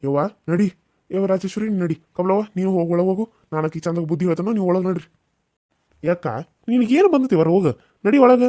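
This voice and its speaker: An older village father figure from a cartoon serial who coaxes the family toward calm, voiced by a man. He speaks with a North Karnataka accent. His voice sits high and quick, recorded dry. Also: no room sound, close to an everyday voice. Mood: coaxing. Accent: North Karnataka Kannada. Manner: coaxing, fatherly.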